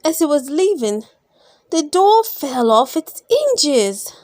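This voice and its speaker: In studio-quality audio with no echo, a woman with a high voice narrates bedtime stories for kids. She reads expressively, drawing out important words, gasping, sighing and posing questions to her little audience.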